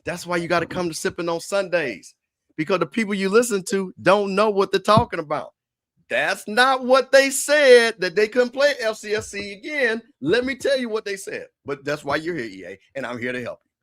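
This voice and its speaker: Brash, high-voiced sports show host man. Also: a little fast. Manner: brash, scolding, lively. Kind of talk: casual sports talk show.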